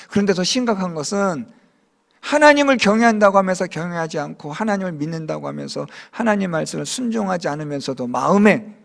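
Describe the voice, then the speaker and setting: A male pastor delivers an emphatic sermon in church and keeps putting rhetorical questions to his congregation. His voice sits high and rises and falls with wide, lively swings. A gravelly rasp runs through it.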